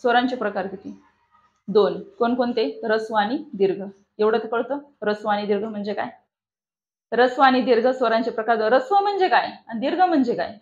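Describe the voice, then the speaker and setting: A woman's voice: on the high side, fairly quick, dull audio. A woman teaching a shorthand lesson to a classroom, asking the class questions and answering them herself. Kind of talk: classroom lecture. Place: classroom with online students.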